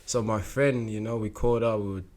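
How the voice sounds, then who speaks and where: A young man from South Sudan with an Australian accent, talking about his acting as a guest in a casual interview, relaxed and hesitant, with many fillers. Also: on the low side, fairly quick. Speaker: guest actor.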